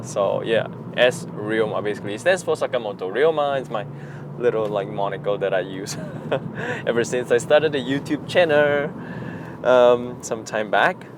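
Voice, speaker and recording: A man's voice: lowish voice, noisy background. A man, chatting unscripted in a vlog from his moving car, rambling with many fillers and restarts. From Singapore. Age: 30s. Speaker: vlogger. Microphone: action camera mounted in car.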